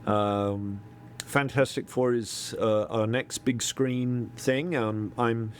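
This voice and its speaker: A man's voice: mid-range voice, steady tone, a little hiss or hum. A middle-aged man co-hosting a podcast, chatting casually and hesitantly, with many ums and restarts. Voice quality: halting, lots of ums and repeats. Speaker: podcast co-host. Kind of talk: casual chat.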